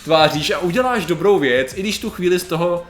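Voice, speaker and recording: A man's voice: sits high, lively intonation, roomy sound. Young guy reading points off a list and musing on them, chill chat, faint music under it. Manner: reflective, reads out points, laughs often. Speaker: podcast co-host. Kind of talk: casual chat.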